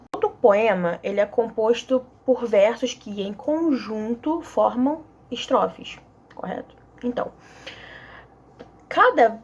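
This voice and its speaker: A woman's voice: fairly high pitch, mellow, dull audio. A young woman with a Brazilian accent giving a casual online literature lesson, hesitant and full of fillers and restarts. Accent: Brazilian Portuguese. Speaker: student volunteer teacher.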